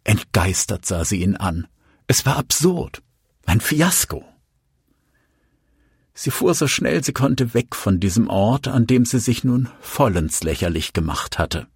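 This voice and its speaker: A man reading a novel aloud as an audiobook narrator, measured and expressive. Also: fairly low pitch, husky, dry recording, studio quality. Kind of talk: scripted narration.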